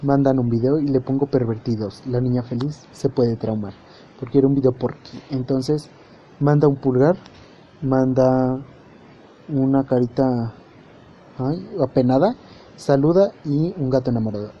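A man's voice: mid-range voice, normal speed, dull audio, slight background noise. A man hosting a podcast, wryly recounting chat messages in a jokey, casual way. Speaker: podcast host.

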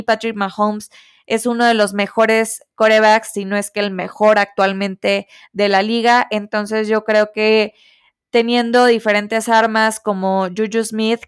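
A woman's voice: medium pitch, creaky, smooth, dry recording, clean studio sound. A young woman hosting a casual solo sports podcast, giving her opinions while thinking aloud with lots of fillers and restarts.

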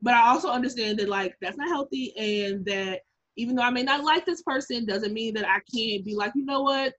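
A young woman co-hosts a podcast in easygoing chat. Her voice sits fairly high, and she talks with animated energy, laughing and slipping into impressions. The audio is muffled and lo-fi. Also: a little fast. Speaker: podcast co-host.

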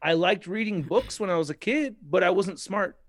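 A man with a high, animated voice chats at normal speed as an interview guest on a casual podcast, with no room sound. He rambles, restarts often, leans on fillers, and keeps laughing at himself in a self-deprecating way.

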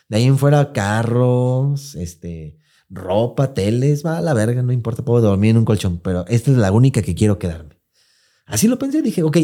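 A man's voice: mid-range voice, warm tone. A young man with a Mexican accent telling a personal story in casual podcast chat, full of swearing and slang fillers. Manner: profane, slangy storytelling with many filler words. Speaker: podcast host.

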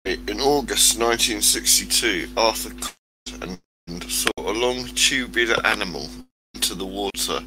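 A man's voice: on the low side, pushed and bright, slight background noise. A man reading out a list of sightings over a voice call while his voice keeps cutting out from sitting too far from the mic. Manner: reads dates and details in a plain listing way. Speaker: panelist. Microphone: distant mic on a voice call.

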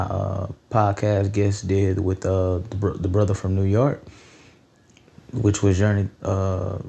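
A man's voice: low voice, creaky, dark tone, slight background noise. A nineteen-year-old man hosting a solo podcast, rambling in a loose, profane, conversational way. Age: late teens. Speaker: podcast host.

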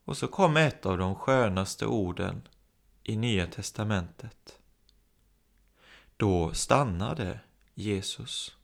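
A man's voice: fairly low pitch, expressive, gravelly, long pauses. A man preaching a sermon, telling stories and acting out the voices in them. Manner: storytelling, acting out quoted voices.

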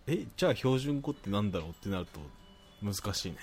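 A man with a Nagoya accent, a podcast co-host reading listener mail aloud in a calm, even voice and chatting casually. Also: on the low side, fast, faint music behind. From Nagoya, Japan.

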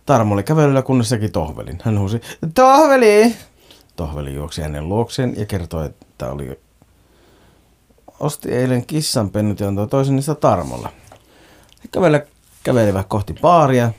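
A man's voice: fairly low pitch, very animated, a little mellow. A man co-hosting a podcast, reading a listener's story aloud in a playful way, swearing and ad-libbing. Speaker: podcast co-host.

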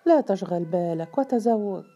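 Woman reading as a calm pious old mother. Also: medium pitch, moderate pace, dull audio. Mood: plain. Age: older. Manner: plain, matter-of-fact.

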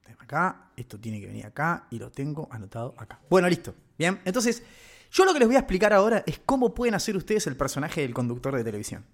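A man's voice: on the high side, sing-song, quick pace. A man with a Rioplatense Argentine accent giving a rambling, joking live-stream monologue, often interrupting himself with slang. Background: faint background music.

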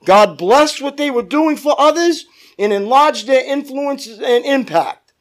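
An expressive male preacher with a very high-pitched voice gives a church sermon at a measured pace. Drawing out and stressing important phrases, he speaks directly to listeners, seeking agreement and calling for amens.

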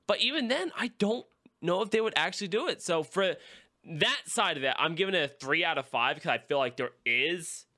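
Bright-voiced man chatting about games. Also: a little high, expressive, brisk. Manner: rambling, filler-heavy game opinions. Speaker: podcast co-host. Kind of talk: casual chat.

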